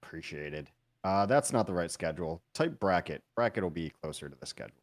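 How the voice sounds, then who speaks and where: A man co-casting an esports stream in casual chat, trading dry, deadpan quips. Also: low-pitched, a little fast.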